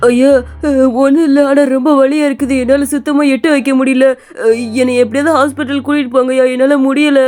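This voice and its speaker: A woman's voice: high-pitched, flat delivery, brisk, a little mellow, faint music behind, close to an everyday voice. Woman doing a pained lonely laborer man. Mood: pleading. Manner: pained, plaintive pleading. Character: poor injured lonely male laborer. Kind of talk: cartoon story voice acting.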